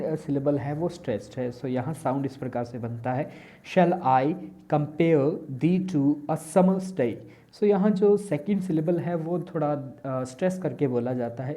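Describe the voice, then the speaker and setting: A woman, a college lecturer in a recorded lesson, who explains slowly, reads English examples aloud and explains them in Hindi, with frequent fillers. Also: deep voice, dark tone.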